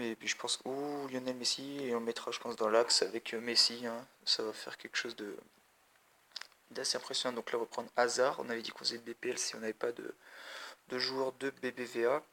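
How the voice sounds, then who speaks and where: A man's voice: mid-range voice, a bit bright. A man giving casual, rambling commentary on a mobile football game and talking straight to his viewers. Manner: rambling, chatty, addresses viewers directly. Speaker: mobile gaming video creator.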